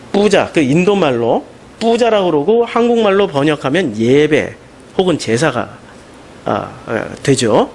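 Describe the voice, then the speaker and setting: A man preaching a Sunday sermon as pastor, animated and emphatic, with questions put to the congregation. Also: a little high, slight background noise. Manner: animated, rising into emphatic questions and mocking quotes.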